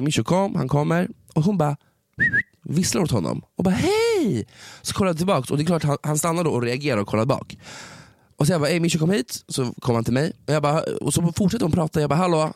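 A man co-hosting a casual chat, telling stories with lively acted-out quotes and frequent swearing. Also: fairly high pitch, gravelly, no room sound, clean studio sound. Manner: animated, acts out quoted exchanges in a raised voice; sprinkles English phrases and swearing. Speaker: podcast co-host.

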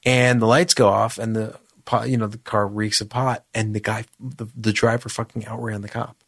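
Late-30s man, casual rambling storyteller, bright tone, dry close mic. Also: lowish voice, flat delivery, moderate pace, husky, no room sound. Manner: rambling storyteller, self-deprecating, many restarts. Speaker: podcast co-host. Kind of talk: casual chat.

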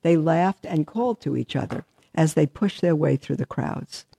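A woman host with a husky, gravelly voice reads a Christmas story in a steady storytelling manner. Her tone is dark and mellow, recorded close and dry with no room sound. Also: sits low, normal speed, dry recording. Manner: warm, chatty aside, then steady storytelling. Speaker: host and religious sister. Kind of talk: radio show host reading a Christmas story.

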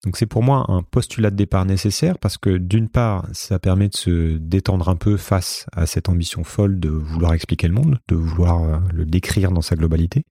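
A Parisian man of about forty hosts a solo podcast in a very deep, husky, mellow voice with a Parisian French accent. He thinks aloud conversationally in a modest, reflective way, at normal speed with hardly any pauses. The recording is close, dry, and echo-free.

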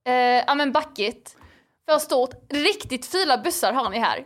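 A young woman with a Skåne accent, chatting as a podcast guest and telling stories in a lively, giggly way. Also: high-pitched. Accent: Skåne Swedish. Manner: lively, giggly, quick storytelling. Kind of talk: casual chat.

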